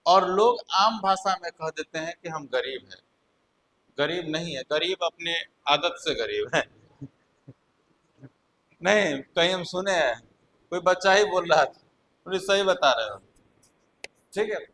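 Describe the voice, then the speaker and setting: A male teacher lectures a class in a fairly high voice. He takes his time, drawing out his words. He keeps repeating the key points and throwing questions at the students. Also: a bit bright, a little hiss or hum, poor audio.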